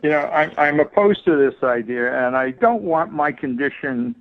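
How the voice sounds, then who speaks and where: A man's voice: fairly high pitch, lively intonation, normal speed, dry recording. A man being pranked over the phone, sounding indignant and flustered. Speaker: prank call target. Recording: muffled radio phone line.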